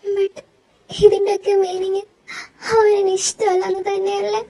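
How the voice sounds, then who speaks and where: A woman voicing a heartbroken young woman who is crying, speaking haltingly in a fan fiction audio story. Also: very high voice, completely flat delivery, creaky, dark tone, heavily acted. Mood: tearful. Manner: halting, tearful, insistent.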